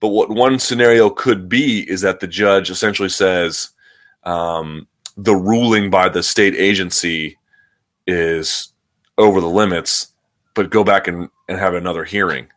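Deep-voiced man repeating his words. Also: unhurried, fairly bright tone. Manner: repeats and restarts words and phrases. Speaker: sports talk show host. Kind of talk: casual opinionated combat sports commentary.

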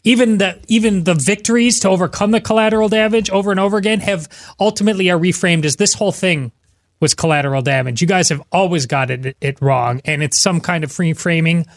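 A man's voice: high-pitched, quick pace, dry recording, studio quality. A man speaking as a panelist in a casual talk show discussion.

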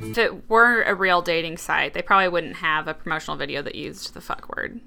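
A woman's voice: lowish voice, expressive, a little fast, creaky, music in the background. A woman co-hosting a casual podcast, talking in a wry, skeptical, amused way. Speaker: podcast co-host.

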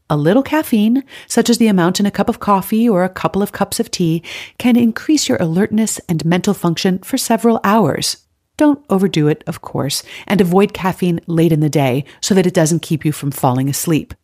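A woman's voice: fairly low pitch, a little mellow. A woman hosting an advice podcast, reading scripted tips in an upbeat, tidy, organized way. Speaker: podcast host giving nutrition advice.

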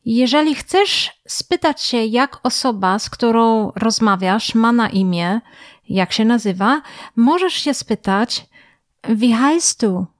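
A woman teaching a language lesson, speaking slowly and carefully, repeating phrases as pronunciation drills. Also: fairly high pitch, lively intonation, no echo, studio quality. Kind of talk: scripted lesson narration.

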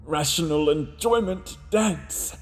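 A man voicing a mad, mushroom-drunk middle-aged male shopkeeper in an odd, slurred, slow booming voice. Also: faint music behind. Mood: giddy.

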